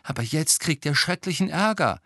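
A man's voice: a little high, animated, normal speed, bright, forceful tone, breathy edge, no echo, clean studio sound, voice pushed up, full character voice. A man voicing an anxious, rule-abiding teenage schoolgirl in an audiobook. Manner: nervous, worried.

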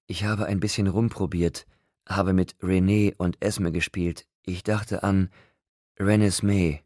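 A man voicing a tender, excited young pregnant woman in an audiobook, with a soft, emotional delivery. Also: low-pitched, slow pace, no room sound, studio quality. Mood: shy.

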